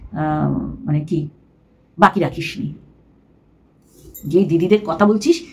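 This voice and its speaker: A middle-aged woman scolds a rival straight into the camera, her voice sitting a little high. She talks down to the other person in short, sharp lines. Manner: scolding, confrontational, addresses rival informally. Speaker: vlogger. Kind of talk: heated direct-address rant.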